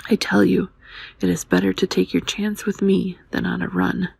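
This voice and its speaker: A woman voicing an urgent, cynical young man in an audiobook, breathy and hushed, reading under her breath. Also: on the low side, level tone, moderate pace, heavily acted. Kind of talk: quiet ASMR audiobook dialogue.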